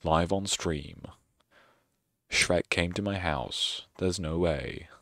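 A young man finishing his stream takes his time, his low voice carrying a fairly bright tone. He chats aimlessly and pokes fun at himself sarcastically into a close microphone, with no echo.

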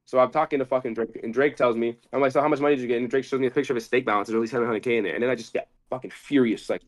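A man's voice: mid-range voice, fairly even intonation. A man being interviewed, telling a rambling story with lots of cursing and restarts. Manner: rapid, cursing, restarts often. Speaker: interview guest.

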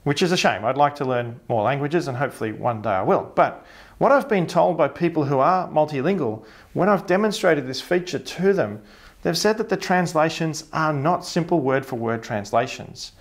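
In a studio set against a blurred office background, an Australian man in his thirties with a broad accent delivers a scripted tech tutorial straight to camera. His pitch sits slightly above the typical male range, and he keeps a moderate pace. The delivery is animated, cheerful and focused on explaining.

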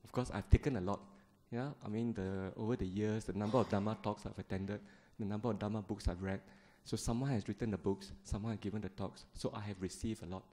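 A man in his thirties from Malaysia, giving a gentle, conversational Buddhist talk to a seated group, speaking into a handheld microphone in a temple hall. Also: fairly low pitch, fairly even intonation, fast talker. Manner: gentle, conversational, with frequent fillers and small laughs. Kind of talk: Dharma talk to a seated audience. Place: temple hall, indoors, seated on the floor before a shrine.

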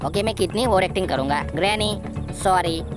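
A man's voice: high-pitched, a little fast, close to an everyday voice. A man voicing a cheeky, playful cartoon boy who teases and over-dramatizes, with music playing behind. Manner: laughs a lot, teasing and over-dramatic. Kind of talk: Hindi cartoon gameplay voice-over. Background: background music.

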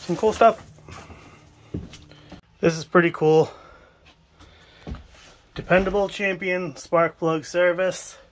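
Sorting items in a tight wooden shed, this estate sale buyer from New England records himself on a handheld phone camera. His voice sits high and steady, and his slow, casual commentary to viewers is broken by long pauses as he muses aloud.

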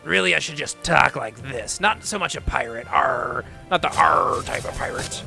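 A gruff, raspy dwarf adventurer growls his lines in a rough, pirate-tinged drawl, as a man puts him on. The voice sits on the high side for a man. Loud game music plays behind it. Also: animated, moderate pace, full character voice.

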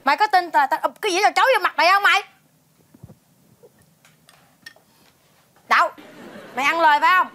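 Shrill bossy wife. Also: female voice, racing, bright, forceful tone. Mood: furious. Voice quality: shrill and commanding. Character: bossy domineering wife who beats her husband. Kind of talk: stage comedy sketch.

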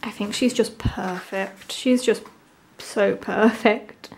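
A woman with a sore, swollen-tonsil voice from tonsillitis, chatting casually and gushing excitedly as she hosts an unboxing. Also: medium pitch, slow pace, creaky, slight background noise, rough recording. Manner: gushing, enthusiastic. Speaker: unboxing video host.

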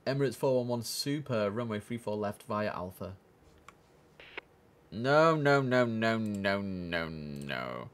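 Speaking slowly, this young man has a fairly low pitch, lively intonation, and a fairly bright tone. He mutters offhand gaming remarks to himself and switches into terse air traffic controller lingo. The recording comes from an indoor home streaming setup, with room noise and keyboard clicks.

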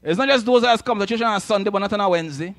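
Speaking fast with vocal fry, a man from Trinidad and Tobago delivers an emphatic sermon in a high-pitched, fairly bright voice. He holds a handheld mic on a church hall stage, repeating lines and prompting the audience to respond. There is no echo.

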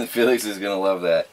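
A man's voice: fairly low pitch, slight background noise. A middle-aged man in casual chat as a vlogger, laughing often, filmed by a camera across a small wooden cabin living room.

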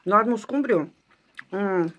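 A woman's voice: mid-range voice, measured pace, fairly bright tone. A woman in a casual home vlog, talking with her mouth full as she chews, homely and chatty. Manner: homely, chatty, fond of diminutives. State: chewing. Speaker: vlogger. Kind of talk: casual mukbang vlog chat.

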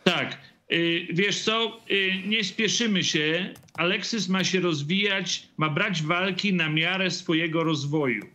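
Hesitant middle-aged man, bright voice. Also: high-pitched. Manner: hesitant, many drawn-out fillers, mixes in English phrases. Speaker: boxer's father and team member. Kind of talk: remote interview over video call. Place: indoor room at home.

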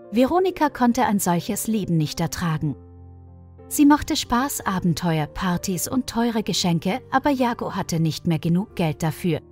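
Woman narrating a story over soft music. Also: on the low side. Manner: even, storytelling. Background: faint music.

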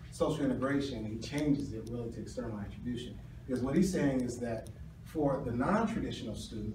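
A middle-aged man giving a hedging, halting academic explanation with restarts, as a doctoral candidate at his defense. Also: medium pitch. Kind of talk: academic oral defense, answering questions. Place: small university classroom, indoors. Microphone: distant camera or phone across the room. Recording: echoey room, distant mic, noisy.

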